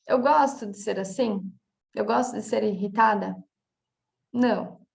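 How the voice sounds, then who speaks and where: A woman's voice: mid-range voice, measured pace, gravelly. A woman with a Brazilian Portuguese accent, a coach giving a casual spoken lesson that she works through with examples and frequent "tá?" checks. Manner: talks through examples, with many filler checks like "tá?". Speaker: coach teaching a class.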